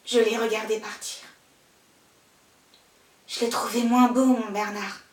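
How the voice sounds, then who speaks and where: A woman's voice: fairly high pitch, flat delivery, a little slow, recorded from a distance. Woman in an echoey theatrical monologue. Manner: wistful storytelling, swinging from hushed to loud and pleading. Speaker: actress performing a monologue. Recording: echoey room, voice from afar.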